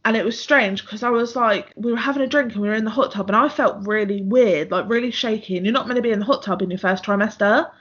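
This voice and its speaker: A blunt, candid young woman, talking openly on a casual chat podcast in a mid-range voice. She swears freely and tells her story at an easy storytelling pace. The recording is slightly muffled and lo-fi. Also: medium pitch. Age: 20s. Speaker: podcast co-host.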